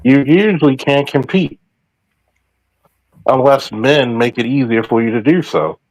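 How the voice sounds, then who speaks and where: A man's voice: medium pitch, unhurried, darkish tone, no echo, poor audio. A man giving casual opinions on a panel in a blunt, lecturing manner. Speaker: talk show panelist.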